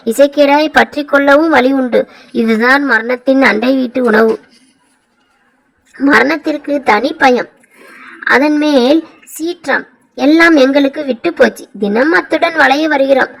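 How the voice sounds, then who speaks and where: A woman giving a slow, measured audiobook reading of reflective literary prose. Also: sits high, creaky, poor audio. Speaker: reader of a literary essay.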